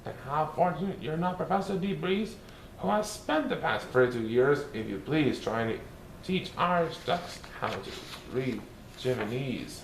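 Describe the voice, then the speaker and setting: A man's voice: mid-range voice, lively intonation, moderate pace, creaky. A man voicing a playful, mischievous male cartoon cat, reading a rhyming storybook in a sing-song, bouncy way. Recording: roomy echo, faint hiss.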